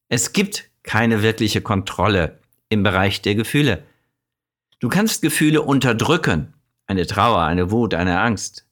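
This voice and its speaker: A man giving a calm explanatory monologue on psychology, speaking directly to the listener with rhetorical questions and frequent self-corrections. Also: medium pitch. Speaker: self-help video presenter.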